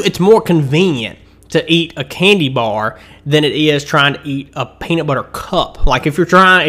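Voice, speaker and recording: A bright-toned man talks through a snack review in a loose, rambling way. He restarts his sentences and fills gaps with ums. He keeps chewing candy between his thoughts. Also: mid-range voice. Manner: eating and chewing while he talks. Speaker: host of a candy-rating show.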